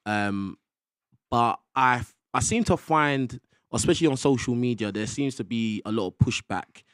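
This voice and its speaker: A man's voice: medium pitch, normal speed, clear, resonant tone, dry recording, clean studio sound. Chatty man hosting a podcast panel. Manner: chatty, tags sentences with "yeah?". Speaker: podcast host. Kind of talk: casual panel discussion.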